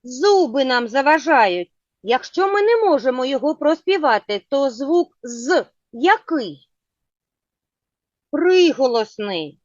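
A woman teaching a children's phonics lesson, asking patient, clearly spoken questions. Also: high voice, very animated, slow, no echo. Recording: dull lo-fi sound.

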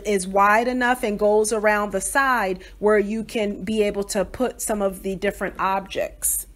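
A woman's voice: mid-range voice, slight background noise. A woman hosting a doll channel, cheerfully describing toy pieces in an unboxing review voice-over. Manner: cheerful, enthusiastic, descriptive with fillers.

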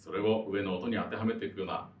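Guy voice teacher, lowish voice, polite explainer, echoey room far from mic. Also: quick pace, dull audio, slight background noise. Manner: polite, explanatory, frequent fillers. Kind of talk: explanatory lesson.

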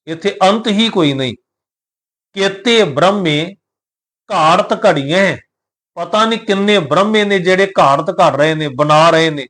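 A man teaching scripture recitation, slowly chanting each verse line and then calmly explaining its pronunciation, pauses and meaning. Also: high voice. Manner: calm, explanatory, spells out pronunciation. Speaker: Gurbani teacher.

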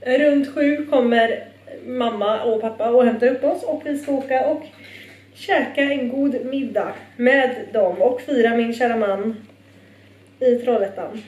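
A woman's voice: on the high side, steady tone, darkish tone, echoey room, a little hiss or hum. A young woman from Sweden chatting casually in a vlog at home, bubbly and rambling. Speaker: vlogger.

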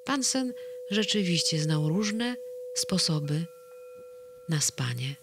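Slow, gravelly bedtime storyteller. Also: medium pitch, big pitch swings, background noise. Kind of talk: children's bedtime story reading.

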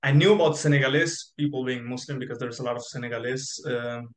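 A man's voice: mid-range voice, fast talker. Young man rambling on an echoey call. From Spain. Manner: rambling, many fillers and restarts. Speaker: interview guest. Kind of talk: casual video-call interview. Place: bright room indoors. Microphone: video call. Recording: echoey room on video call.

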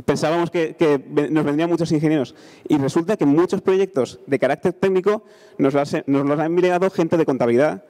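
This conference speaker, an engineer in his thirties from Spain, presents a startup accelerator holding a microphone on stage. He sounds fairly high-pitched, brisk and warm, keeping things conversational with frequent check-ins to the audience.

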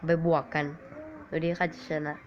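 Excitable man with a cold, lo-fi. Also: moderate pace. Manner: rambling, excitable, swears at the game. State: has a cold. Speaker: mobile game caster. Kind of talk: excitable gameplay commentary. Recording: dull lo-fi recording with faint hiss.

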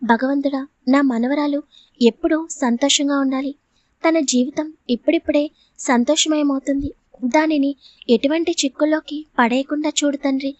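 A woman's voice: high-pitched, steady tone, normal speed, darkish tone, no echo, lightly acted. A woman reading the part of a grieving, protective elderly grandmother who scolds and pleads tearfully in a storybook reading. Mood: prayerful. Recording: dull lo-fi audio.

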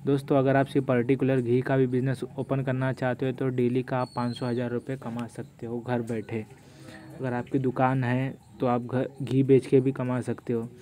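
A young man hosting a screen-recorded vlog, often saying "friends" and reading prices aloud in a steady walkthrough. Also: medium pitch, moderate pace, slight background noise. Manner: repeats "doston" often, reads prices aloud. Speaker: YouTube host.

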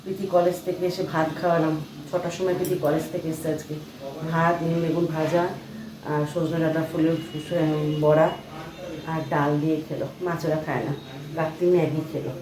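A woman's voice: sits low, flat delivery, a little fast. A woman in her forties from Kolkata, vlogging casually at home in a chatty voice that talks straight to her viewers, her nose stuffed and nasal from a cold. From Kolkata, India. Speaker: lifestyle vlogger. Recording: noisy home recording with traffic.

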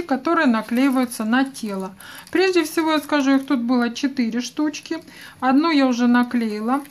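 Woman, high-pitched voice, friendly unboxing chat, talking to viewers, indoors at a table. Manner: friendly, chatty, addressing viewers directly. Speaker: vlogger reviewing online purchases. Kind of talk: unboxing review talk.

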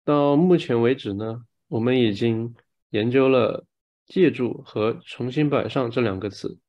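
A man's voice: mid-range voice, unhurried, highs cut off. A man working as a live interpreter, rendering a speaker's words phrase by phrase right after each one. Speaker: live interpreter and session moderator.

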